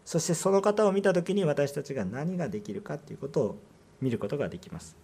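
A man's voice: a little high, animated, fast talker, gravelly, dark tone, breathy edge. A male pastor delivering a sermon, earnest and emphatic, full of rhetorical questions and rising stresses.

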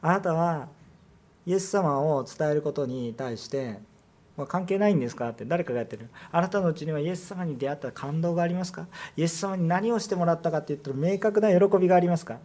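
Here a pastor preaches fast, in a darkish voice that runs a little high for a man. He leans on rhetorical questions to press his points and pitches his emphasis upward on key lines.

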